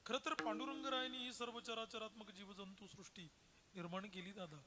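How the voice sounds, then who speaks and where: A man's voice: sits high, flat delivery, brisk, heavy background noise. A man with a Marathi accent preaching a devotional kirtan, telling an emotional story and acting out the voices in quotes.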